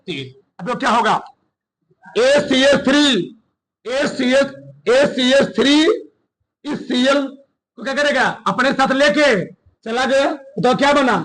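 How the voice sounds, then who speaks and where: A male chemistry teacher, speaking in a strikingly high, bright and forceful voice. He keeps throwing questions at his class and answering them himself, then dictates notes word by word with repeats. His tone is a brisk classroom lecture. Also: poor audio. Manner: drills students with call-and-response questions.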